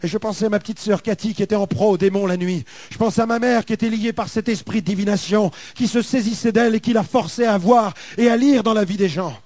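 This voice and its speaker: A man's voice: high voice, fast talker, few pauses, darkish tone, dry recording. A man with a French accent telling a dramatic personal testimony, emphatic and repetitive in his storytelling. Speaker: testimony speaker.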